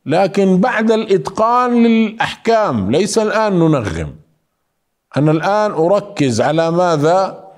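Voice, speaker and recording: A man teaching Quran recitation rules, explaining slowly and calling his listeners beloved ones. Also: a little high, darkish tone. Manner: explains slowly, then chants verses in a drawn-out melody. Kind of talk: recitation lesson with chanted examples.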